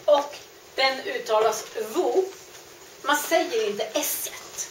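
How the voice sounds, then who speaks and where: A woman teaching French grammar, explaining patiently and repeating each word slowly. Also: sits high, slight background noise. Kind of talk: grammar lesson. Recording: echoey room, mic at a distance.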